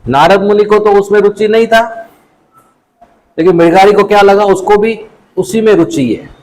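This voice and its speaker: Male preacher for a youth class, lively storytelling sermon, acts out characters, fairly high voice. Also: normal speed, poor audio. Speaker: monk giving a youth class.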